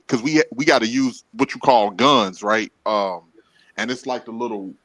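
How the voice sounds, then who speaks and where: Animated man telling road stories, dry mic. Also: no room sound, rough recording. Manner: animated, rises loud and high when acting out confrontations. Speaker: podcast co-host. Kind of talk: casual storytelling.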